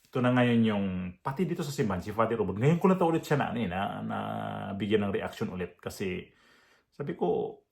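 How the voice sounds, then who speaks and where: A man's voice: on the low side, animated, a little fast, gravelly, a little mellow. A man with a Visayan accent giving casual reaction commentary in a blunt, proud way. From Visayas, Philippines. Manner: proud, blunt, with many fillers and restarts. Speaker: reaction vlogger.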